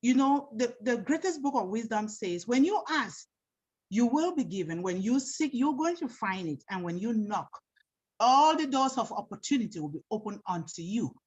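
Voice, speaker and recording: A woman from Samoa speaks earnestly on a video call, leaning on scripture. Her voice is breathy and husky. The audio is muffled and lo-fi. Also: fairly high pitch, animated, normal speed, a little mellow. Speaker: meeting participant. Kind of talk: heartfelt speech.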